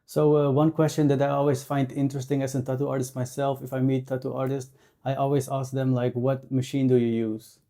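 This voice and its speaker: A man with a Dutch accent hosting a casual interview, relaxed and filling his talk with "like" and short affirmations. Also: mid-range voice, a little fast. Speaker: podcast host and tattoo artist. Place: tattoo shop.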